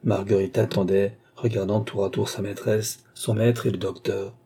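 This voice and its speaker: A man narrating a classic novel as an audiobook, in a measured and composed way. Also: fairly low pitch, little pitch movement, mellow, breathy edge.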